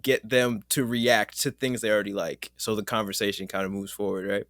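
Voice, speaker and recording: A man hosting a casual podcast chat, relaxed and slangy, laughing often. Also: fairly low pitch, fairly quick, no echo, studio quality. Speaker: podcast host.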